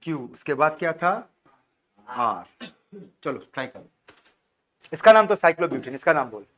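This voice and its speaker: A man, his voice sitting a little high, drills a classroom through questions. He repeats each answer back and coaxes the students onward in a patient teaching manner. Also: very animated, moderate pace, fairly bright tone. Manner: coaxing, repeats answers, calls students beta. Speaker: chemistry teacher.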